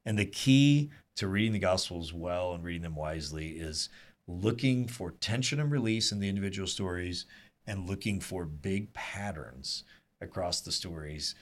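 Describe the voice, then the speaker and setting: Earnest low-voiced man teaching Bible study. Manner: earnest, animated storytelling with asides.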